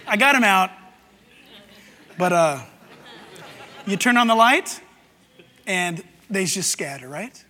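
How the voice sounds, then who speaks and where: A man preaching a sermon as pastor to a church, animated and acting out voices as he goes. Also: high voice, slow, pauses often, a faint crowd. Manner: animated, acts out voices and quotes. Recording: hall with long reverb.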